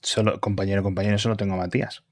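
A man with a Spanish accent, a podcast guest who jokes in a dry, deadpan way. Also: lowish voice, racing, no room sound. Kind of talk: casual podcast chat.

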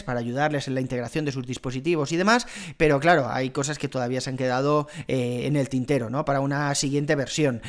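A man hosting a casual solo podcast, his voice a bit hoarse from a cold, talking in a chatty, rambling way with many restarts. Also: mid-range voice. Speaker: podcast host.

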